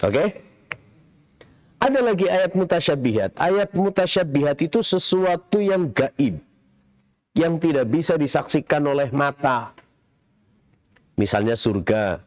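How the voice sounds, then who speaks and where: A middle-aged man giving a Quran commentary lecture in a large mosque, explaining slowly and quizzing his audience. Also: fairly high pitch, expressive. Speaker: mosque preacher.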